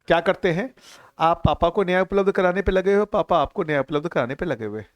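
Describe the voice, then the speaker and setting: A middle-aged man giving an earnest talk to a live group, asking questions and repeating his key phrases. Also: sits high. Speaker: teacher of a value-education course.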